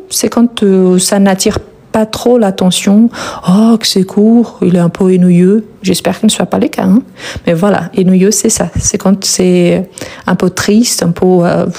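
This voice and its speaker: A woman teaching French in a live online lesson. She talks slowly and patiently, with a mellow, slightly husky voice, repeating each word and praising answers as she goes. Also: mid-range voice. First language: Portuguese.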